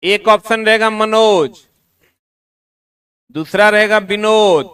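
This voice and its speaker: A man's voice: high voice, takes it slowly, fairly bright tone, smooth. A man teaching an exam-coaching class in a classroom, teasing and scolding his students in slangy talk. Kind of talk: classroom lecture. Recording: voice from a distance.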